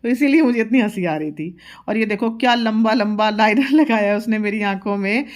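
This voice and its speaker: A woman's voice: medium pitch, moderate pace. Chatty mother narrating a home vlog. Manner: chatty, homely, explains step by step. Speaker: vlogger, mother.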